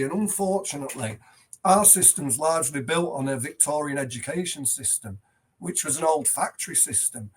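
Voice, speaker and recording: A middle-aged male headteacher, appearing as a guest in a conversational interview, talks earnestly and with emphasis, frequently restarting sentences. His voice is loud and fairly high, with a breathy edge.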